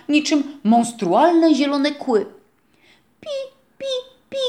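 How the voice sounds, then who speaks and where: Lady reading a kids' story, gentle, expressive, a bit high. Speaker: audiobook reader. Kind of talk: storybook narration.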